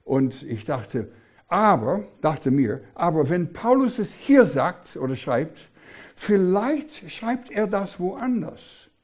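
Mellow-voiced older male preacher. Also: high voice, very animated, slow. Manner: emphatic, rhetorical questions, frequent hesitations. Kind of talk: sermon.

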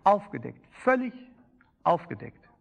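Male preacher, fairly high voice, emphatic sermon delivery with swelling and dropping phrases. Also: sing-song, unhurried, gravelly. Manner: emphatic, rising and falling preaching cadence.

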